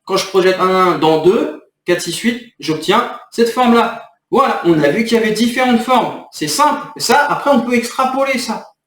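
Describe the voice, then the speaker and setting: A man's voice: sits high, lively intonation, moderate pace, hardly any pauses, fairly bright tone, distant mic. Irritated rambling man in an echoey room. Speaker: video creator. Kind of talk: agitated talking-to-camera vlog.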